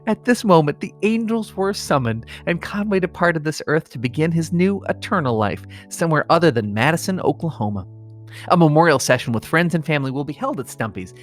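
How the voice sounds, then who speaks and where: A middle-aged man co-hosting a comedy podcast switches between mock-solemn reading and casual chat, cracking up with laughter whenever he tries to read gravely. His voice is on the high side, expressive, and fairly quick, with faint music behind.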